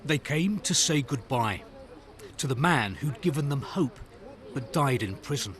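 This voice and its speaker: A man narrating a scripted news report as a correspondent, solemn and measured, in short phrases. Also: medium pitch, lively intonation, fairly bright tone.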